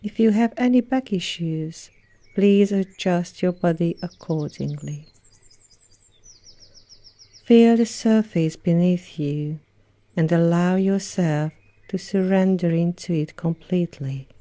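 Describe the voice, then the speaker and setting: A female instructor guides a yoga nidra meditation in a soothing, gentle manner, leaving long pauses between phrases. Her voice is lowish, and birdsong and nature sounds fill the background.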